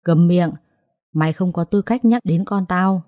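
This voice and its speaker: A woman's voice: lowish voice, a little slow, mellow, no room sound, dull audio, lightly acted. A woman voicing a cruel, scheming sister-in-law who talks in a harsh, contemptuous, threatening way. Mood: menacing.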